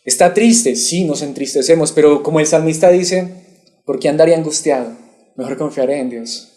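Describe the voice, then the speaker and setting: A man's voice: on the high side, moderate pace, dark tone. A man preaching an expository sermon to his congregation, asking them questions and waiting for them to answer. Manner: asks the congregation questions and waits for replies. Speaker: pastor.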